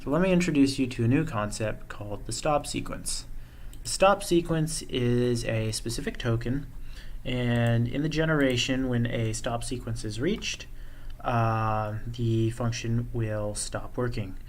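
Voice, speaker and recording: A man presenting a coding tutorial, thinking aloud in a relaxed way as he walks through code on screen. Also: mid-range voice, measured pace, a little hiss or hum. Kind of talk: screen-share coding walkthrough.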